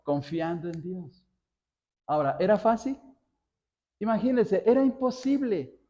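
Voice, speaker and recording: A man's voice: sits high, a little mellow, highs cut off. A man preaching a sermon as pastor, telling stories with big dramatic rises and drops in his voice. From Mexico.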